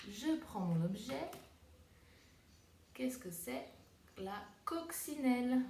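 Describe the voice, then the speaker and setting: Slow gentle woman teacher, roomy sound. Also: mid-range voice, far from the mic, a little hiss or hum. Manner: slow, gentle, syllable-by-syllable demonstrating. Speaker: preschool teacher. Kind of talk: home video lesson for young children. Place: countryside home, flies around. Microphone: tablet camera. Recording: roomy tablet recording with faint ambience.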